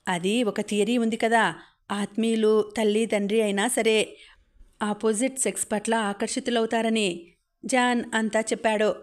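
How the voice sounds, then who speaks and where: A woman, reading a novel aloud as an audiobook narrator in a steady, even storytelling manner. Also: fairly high pitch, unhurried. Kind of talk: novel reading with character voices.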